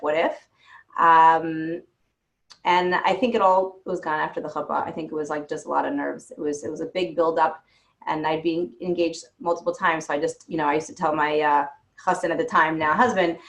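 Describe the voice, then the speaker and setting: A woman dating coach giving frank, reassuring advice and sharing her own stories. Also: on the low side. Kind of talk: advice talk answering questions.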